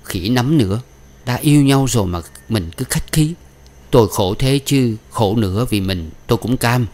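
A man's voice: medium pitch, expressive, moderate pace, a little mellow, natural voice. A man reading an audiobook, voicing a blunt, hot-headed young laborer close to his own voice.

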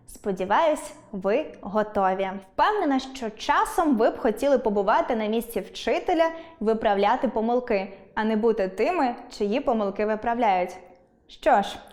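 Female teacher, fairly high voice, clear and deliberate, leans on example words, scripted school lesson. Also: darkish tone.

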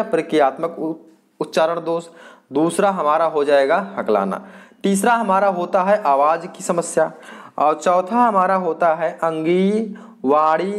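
A male teacher with a fairly high voice delivers an exam-prep lecture, repeating his points and posing questions to the class that he then answers himself. He often hesitates and starts over.

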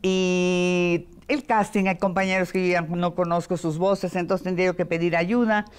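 Her voice low-leaning, clear and resonant at a normal speed, a veteran Mexican Spanish-accented voice actress and dubbing director chats through an interview. She spins lively anecdotes and slips into playful impressions of other voices.

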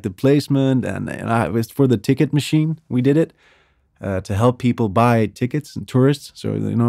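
Appearing as a podcast guest, a strategy director at a music agency explains his work enthusiastically in a casual interview, acting out little sound examples with his voice. His mid-range voice is creaky and darkish, recorded dry with clean studio sound.

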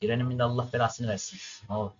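A man's voice: medium pitch, fairly even intonation, very fast, highs cut off. A young man from Turkey commentating his racing game for viewers, ranting and cursing at it in frustration. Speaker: gaming streamer. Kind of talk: gameplay commentary.

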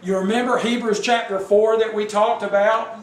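A man's voice: high-pitched, fairly even intonation, normal speed. A man preaching a sermon, emphatic and asking his congregation questions. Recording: echoey room, mic at a distance, faint background noise.

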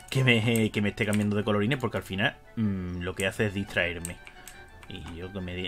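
Bright-voiced man rambling. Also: sits low. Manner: rambling, self-correcting, chatty asides to viewers. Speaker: Minecraft building youtuber. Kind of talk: casual gameplay commentary.

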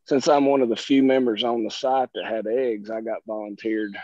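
Middle-aged southern guy drawling away on a video call, low-ish voice, kinda muffled audio. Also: flat delivery, normal speed, a little mellow, no echo. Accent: Southern American. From American South. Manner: folksy, self-deprecating, drawling. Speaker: guest presenter on a video call. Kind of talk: casual chat.

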